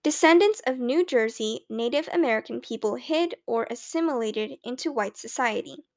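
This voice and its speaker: A woman voicing a schoolboy who reads a textbook aloud in class, haltingly and quietly. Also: on the high side, animated. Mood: careful.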